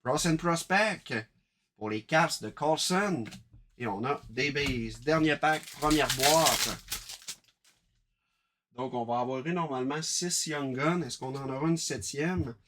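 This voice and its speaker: Quebec french guy hosting a live card break, quick chatty play-by-play of each pull, mid-pitched voice. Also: fairly bright tone, a little hiss or hum. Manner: brisk, chatty, calls out each card as it is pulled. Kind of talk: live commentary on opening card packs.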